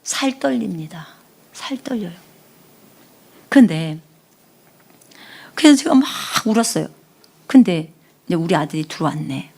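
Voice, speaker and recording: A middle-aged woman missionary giving a sermon, telling personal stories with lively feeling and sometimes dropping to a whisper. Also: lowish voice, breathy edge. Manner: animated storytelling, often dropping to a whisper when quoting prayers. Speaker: missionary preacher. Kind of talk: live-streamed sermon with personal testimony.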